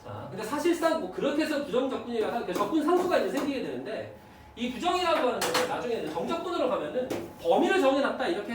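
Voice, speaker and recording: A man's voice: high voice, heavy reverb, recorded from a distance, background noise. A man teaching math to a class, often stopping to ask whether the students follow. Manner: lively, checks understanding with students. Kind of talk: classroom lecture.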